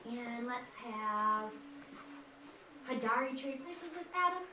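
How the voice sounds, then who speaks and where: Taking things slowly, a woman with a fairly high, animated voice guides a kindergarten music lesson, chanting, singing simple tunes, and coaxing the children in a sing-song teacher voice. Background noise is present, and the echoey indoor classroom places her far from the mic.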